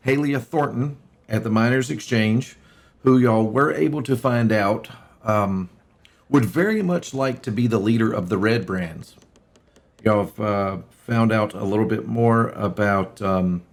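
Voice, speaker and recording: Laid-back man running a tabletop game. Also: on the low side. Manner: casual, laughing, full of fillers. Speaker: game master. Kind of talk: hosting and narrating a tabletop game.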